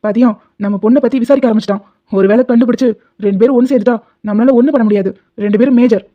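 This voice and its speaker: A woman voicing a stern, wealthy cartoon father with a menacing, scolding manner, speaking quickly in a fairly high voice through a slightly dull lo-fi sound. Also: lightly acted. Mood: determined. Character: stern rich father, threatening and proud.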